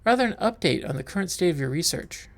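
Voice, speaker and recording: A voice reading a calm, menacing patron. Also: medium pitch, fast talker. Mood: cool, menacing. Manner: smooth, even, veiled threats. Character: calm, coolly menacing male patron, measured and threatening. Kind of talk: reading a figure's lines in a horror game.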